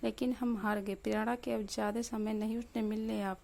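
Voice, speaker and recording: A woman's voice: on the high side, level tone, fairly quick, gravelly, dark tone. Solemn doctor, read by a woman. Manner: solemn, defeated. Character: grave hospital doctor giving bad news.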